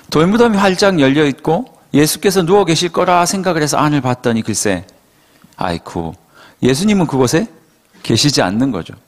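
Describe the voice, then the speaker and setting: A male pastor preaching a sermon as lively storytelling full of rhetorical questions. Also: a little high.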